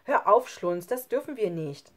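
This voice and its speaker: Eine Frau, die in einem Hörbuch einen vorsichtigen, braven Jungen spricht, der eindringlich bittet. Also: female voice, mid-range voice, expressive, unhurried. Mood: upset. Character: well-behaved, cautious young boy.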